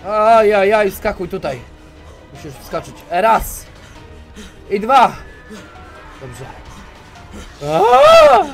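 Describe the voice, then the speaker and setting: A man giving let's play commentary, talking to himself and switching between low mutters and sudden yelps. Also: lively intonation, slow pace, pauses often, soft background music. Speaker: gaming YouTuber.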